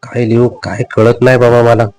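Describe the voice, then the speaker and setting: A man's voice: mid-range voice, monotone, moderate pace, darkish tone, dry recording, close to an everyday voice, low-quality recording. A man voicing a flustered young husband. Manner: hesitant, fumbling, repeats himself.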